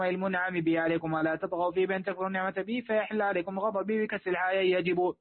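A man with a high, flat voice races through a classical commentary at a very fast clip, fixing slips on the fly. He keeps an even recitation tone throughout. The sound is dry and squeezed into a narrow, phone-like band. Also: no room sound. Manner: fast monotone recitation with quick self-corrections. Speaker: student reading the text aloud. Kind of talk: rapid reading of a classical commentary.

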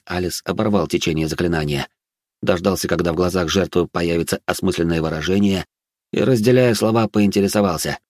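A man reading a fantasy audiobook aloud in a steady, measured way. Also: deep voice, no room sound, clean studio sound. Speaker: audiobook narrator. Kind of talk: scripted fantasy narration.

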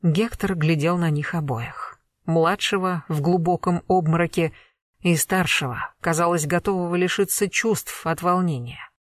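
An audiobook narrator reading a crime novel in a steady, measured way. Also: medium pitch, dry recording, clean studio sound. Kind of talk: scripted narration.

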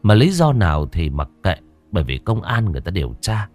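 A man narrating a horror story in a dramatic, expressive way. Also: low-pitched, a little fast, soft background music.

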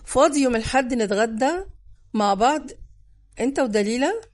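An eager Egyptian man who loves to lecture about the old days, his voice climbing and dropping as he talks, put on by a woman narrator. It sounds like an audiobook character, pitched a little high. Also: brisk, lightly acted. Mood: lively. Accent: Egyptian Arabic. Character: chatty adult man, history buff and young father.

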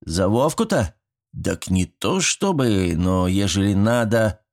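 A man's voice: on the low side, expressive, slow, a little mellow. A man voicing a fussy, good-natured old village grandfather who talks in folksy rural speech, sighing and fretting. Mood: fretful. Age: older.

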